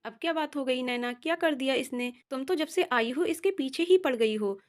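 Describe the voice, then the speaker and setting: A woman narrator voices a defensive brother who grumbles at his sister. Her voice stays a little high, with an irritated edge, in a spoken family tale. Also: moderate pace, lightly acted.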